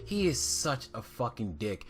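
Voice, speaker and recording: A man's voice: medium pitch, very animated, measured pace. A man reviewing a cartoon in a casual, rambling rant, swearing freely and filling his talk with "like". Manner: rambling, profane, fillers.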